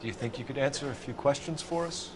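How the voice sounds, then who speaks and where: Dude doing a stiff upright 1940s cop in a game, formal and earnest, medium voice, noisy background. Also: male voice, mid-range voice, quick pace, natural voice. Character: earnest, upright 1940s police detective man. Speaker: police detective. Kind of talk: video game dialogue.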